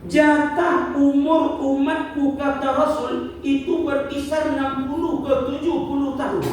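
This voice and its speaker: A preacher in his fifties gives a religious lecture in a very high-pitched, unhurried voice with little pitch movement. He poses rhetorical questions, repeats his points, and jokes lightly with the congregation. He's recorded from far off in an echoey hall, with slight background noise.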